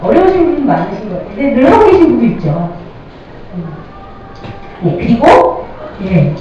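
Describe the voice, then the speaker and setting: A woman's voice: on the high side, normal speed. A middle-aged woman giving a parenting lecture, often putting questions to the audience. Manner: lively, addresses audience with questions. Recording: distant mic, dull lo-fi sound, echoey hall, noisy.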